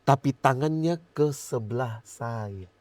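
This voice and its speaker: In a podcast interview, a middle-aged male pastor shares a lively personal testimony, laughing often and acting out his own prayers. His voice sits at medium pitch, he speaks slowly, and there's no room sound.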